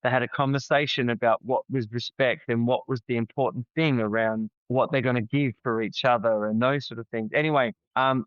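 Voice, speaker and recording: A man speaks as a guest on a podcast and tells stories in an earnest, conversational voice. His voice is smooth and resonant, and he often repeats a word as he restarts a thought. The recording is dry and a little dull. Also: mid-range voice, steady tone, brisk, hardly any pauses, no echo. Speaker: podcast guest, founder of a family program. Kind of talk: conversational storytelling.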